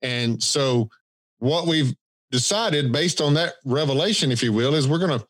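A man's voice: mid-range voice, moderate pace, fairly bright tone, dry recording, poor audio. Southern man with a thick Georgia accent. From Georgia, United States. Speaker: podcast co-host. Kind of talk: casual conversational podcast talk.

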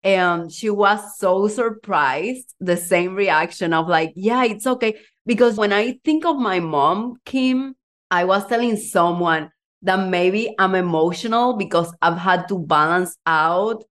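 A woman's voice: lowish voice, takes it slowly, fairly bright tone. A woman hosting a podcast interview, an emotional and effusive talker who leans on "like" and shares her own coaching story. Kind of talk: casual interview chat.

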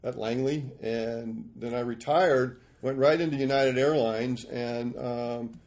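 Gravelly older man telling stories. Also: medium pitch, slow. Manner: rambling, animated storyteller. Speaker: guest. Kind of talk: storytelling interview.

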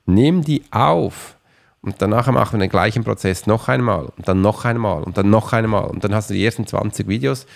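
A man who hosts a podcast and works as a coach delivers a casual motivational monologue, rambling chattily and speaking straight to the listener. His voice is fairly low and creaky, and he talks a little fast.

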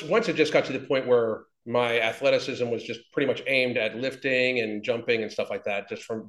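Blunt, profane man in his fifties, echoey room. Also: medium pitch. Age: 50s. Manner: blunt and profane, rambling with many restarts. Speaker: interview guest, fitness business owner. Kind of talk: casual interview talk.

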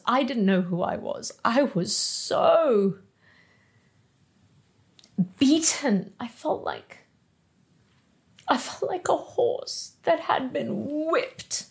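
A woman giving an emotional personal testimony as a podcast guest, speaking haltingly with restarts and some soft, whispered moments. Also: high-pitched, gravelly.

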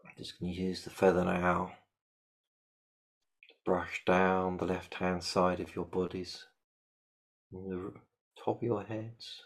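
Slow, gravelly low-voiced man guiding meditation. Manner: calm, repetitive step-by-step instructions, often murmuring "beautiful". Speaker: meditation guide. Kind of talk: guided shamanic meditation.

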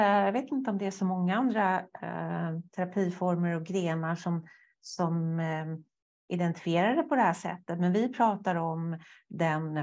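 Thoughtful woman with a dull lo-fi sound. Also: lowish voice. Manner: thoughtful, hesitant with fillers, lively when quoting inner voices. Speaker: guest, psychosynthesis therapist. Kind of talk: conversational interview.

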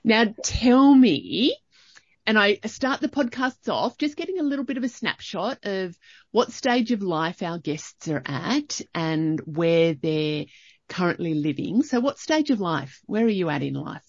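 A woman's voice: medium pitch, sing-song, unhurried, no room sound, dull audio. A woman with an Australian accent hosting a casual podcast chat, effusive and enthusiastic. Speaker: podcast host.

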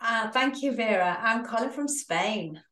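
A woman's voice: a little high, animated, unhurried, fairly bright tone. Middle-aged woman on a roomy, distant call. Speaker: guest. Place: calling in remotely.

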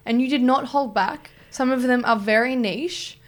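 A woman's voice: sits high, normal speed. A young woman, co-hosting a podcast in casual, blunt chat and swearing casually. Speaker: podcast co-host.

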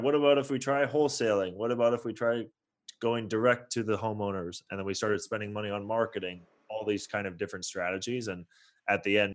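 This young North American man in his twenties, Toronto-born and Bay Area-raised, is a real estate investor guesting on a podcast. With a lowish voice, he tells stories in a casual, conversational way, slangy and sprinkled with "like" and "you know."

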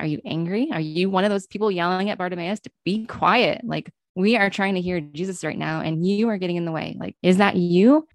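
Casting: woman, lowish voice, earnest and questioning, chatty with "like" fillers, dry close sound. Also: darkish tone, no room sound. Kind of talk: reflective Bible teaching chat.

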